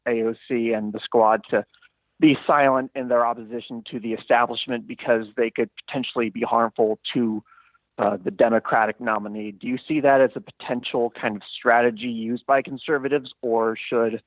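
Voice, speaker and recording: A man from Texas, United States, phones in to a political talk show for a casual call-in discussion, speaking casually, politely and a bit hesitantly. His medium-pitched voice is steady at a moderate pace. The recording is dry, and the phone line sounds muffled and tinny.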